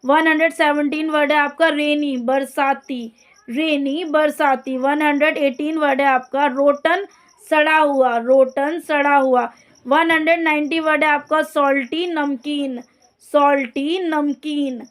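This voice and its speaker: Reading out vocabulary lists, a high-voiced female English teacher keeps a steady tone. Each word and its definition is repeated slowly, and she talks straight to the class.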